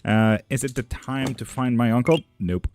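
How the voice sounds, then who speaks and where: On his casual livestream, a young tarot reader and witchcraft streamer jokes around while reading out his viewers' messages, swearing freely. His medium-pitched voice is slightly mellow and moves at a normal speed, with a bit of hiss or hum in the audio.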